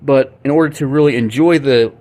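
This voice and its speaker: Mid-range and a little mellow, this young American man talks a bit fast, with slight background noise. A vlogger and record collector, he shows something off in a small bedroom indoors, chatting loosely and thinking aloud in a rambling way.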